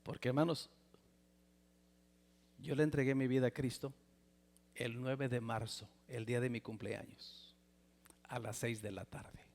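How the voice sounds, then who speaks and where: A Mexican man in his sixties preaching a personal testimony sermon in a church, with a Mexican Spanish accent, swinging from loud exclamations to near whispers. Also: mid-range voice, flat delivery, measured pace, long pauses. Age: 60s. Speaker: pastor. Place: church sanctuary. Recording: reverberant church hall.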